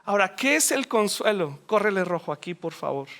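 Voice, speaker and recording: Male preacher, emphatic sermon delivery, bright tone. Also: high-pitched, sing-song, a little fast. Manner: earnest, emphatic, acts out scripture scenes.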